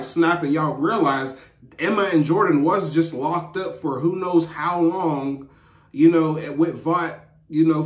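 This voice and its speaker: A man giving a casual, rambling, slang-filled recap of a TV episode as a show reviewer. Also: a little high. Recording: roomy echo.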